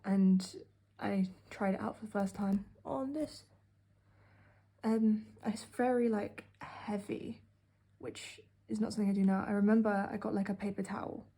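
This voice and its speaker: Mellow-voiced British woman, rambling casually. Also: medium pitch, fairly even intonation, moderate pace. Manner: sarcastic, rambling, many fillers. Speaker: art vlogger. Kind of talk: casual sketchbook tour narration.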